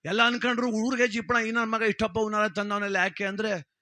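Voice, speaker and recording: A man telling a village story in a lively, rustic, colloquial way as part of a motivational talk. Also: sits high, fairly quick, no echo.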